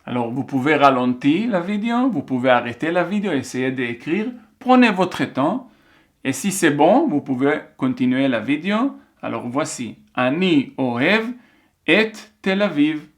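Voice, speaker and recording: Male language teacher, patient and methodical, slightly higher voice. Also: sing-song. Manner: patient, slow, explains step by step. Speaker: Hebrew teacher. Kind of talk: online language lesson, dictation.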